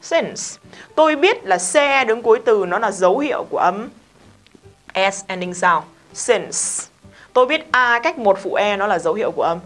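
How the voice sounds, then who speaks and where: A woman's voice: mid-range voice, lively intonation, fairly bright tone, soft background music. A woman teaching English pronunciation in a casual video lesson, explaining patiently and asking rhetorical questions. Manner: explains patiently, repeats example words slowly, asks rhetorical questions.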